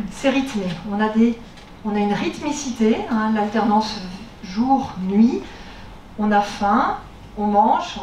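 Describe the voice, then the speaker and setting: A woman with a fairly high voice gives a public health lecture, speaking through a face mask. She explains in a halting way, often rewording as she goes. The recording is echoey and picked up from a distance. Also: a little mellow. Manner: explanatory, hesitant phrasing with frequent rephrasing and check-in tags. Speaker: lecturer on health, pain and diet. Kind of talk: spoken public lecture to an audience. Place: university lecture room. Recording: echoey room, distant mic, background noise.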